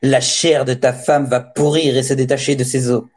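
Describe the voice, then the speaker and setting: A man's voice: medium pitch, little pitch movement, normal speed, a little mellow, close to an everyday voice. Cruel witch lady threatening a farmer, mocking tone, man reading it, audiobook. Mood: menacing. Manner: menacing, mocking. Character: cruel menacing woman witch, extorting and threatening.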